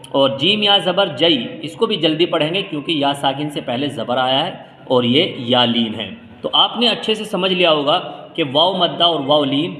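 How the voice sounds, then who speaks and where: A man's voice: fairly high pitch, sharp tone. A man from India teaching Quran reading step by step, patiently explaining and drawing out and half-chanting the letter sounds. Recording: echoey room with long reverb.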